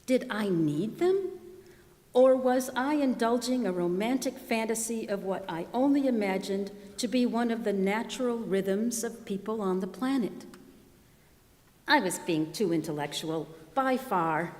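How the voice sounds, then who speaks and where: As part of a readers theater performance, a woman reads a scripted first-person story aloud to a live gathering. Her mid-range, slightly dark voice has lively intonation and a somewhat slow pace. A long, echoing hall reverb trails her words.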